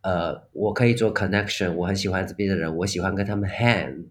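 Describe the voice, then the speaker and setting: A man's voice: low-pitched, steady tone, fairly quick. Hesitant man, jazz musician guest. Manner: hesitant, with restarts, fillers and mixed-in English words. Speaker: guest jazz composer and performer. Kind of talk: casual podcast interview.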